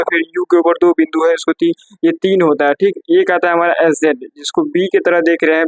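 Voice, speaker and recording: A man from India giving a casual spoken lesson, repeating each letter slowly and drilling the sounds one by one. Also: high-pitched, dry recording, poor audio. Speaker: German language teacher.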